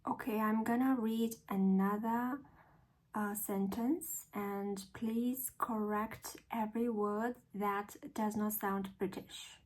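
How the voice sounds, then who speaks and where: A woman practicing pronunciation by reading a passage aloud slowly and carefully, asking an AI for corrections. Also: medium pitch, rough recording. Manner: slow, careful, even reading. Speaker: language learner.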